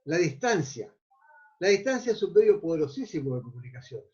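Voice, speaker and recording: A man teaching mindfulness lectures in a sing-song, fairly quick manner, his voice high-ish and a little mellow. He wanders loosely from point to point, repeating words as he searches for the next phrase. The audio is muffled and lo-fi.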